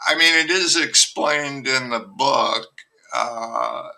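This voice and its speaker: An older novelist, appearing as a guest on a relaxed podcast, rambles wryly with plenty of fillers and restarts. His voice is medium-pitched and gravelly, and he speaks slowly.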